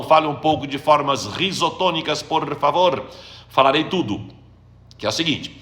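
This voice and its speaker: A man's voice: medium pitch, pushed and bright, roomy sound. A man teaching grammar on a live stream, answering viewers' questions, greeting them by name, and thinking aloud as he looks things up. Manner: explains step by step, checks understanding. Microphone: phone or computer during a live stream.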